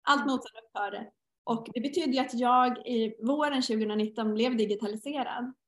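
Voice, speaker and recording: A middle-aged woman in a casual podcast conversation, telling personal stories and acting out her inner dialogue. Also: on the high side. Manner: storytelling, acts out inner dialogue. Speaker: guest teacher. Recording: roomy echo.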